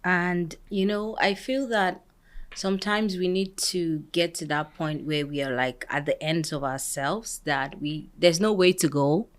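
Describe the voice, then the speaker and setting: A woman's voice: fairly low pitch, a little slow. A woman hosting an interview, asking questions in a friendly way with many fillers. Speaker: interview host. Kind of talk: conversational interview.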